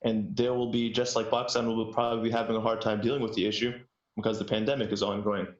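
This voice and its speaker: A man's voice: lowish voice, level tone, fast. A man on a podcast panel giving a loose, conversational answer. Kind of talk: casual unscripted discussion. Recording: roomy, dull lo-fi sound.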